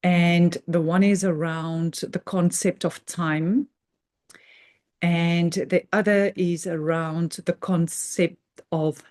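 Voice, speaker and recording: Her voice fairly low and a little mellow, a woman hosts a guided meditation. The talk is spiritual and unscripted, earnest and reverent in tone, broken into short, halting phrases with measured pauses.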